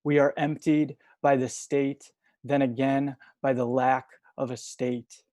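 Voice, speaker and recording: A young man reading poetry over a video call from home, soft-spoken and hesitant between poems. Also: mid-range voice, little pitch movement, slow pace, no room sound. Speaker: poet reading at a livestream.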